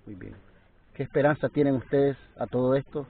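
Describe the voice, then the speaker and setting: A male interviewer asking long, formal, measured questions. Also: medium pitch, slightly rough. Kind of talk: journalistic questioning. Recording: distant, tinny phone-like sound.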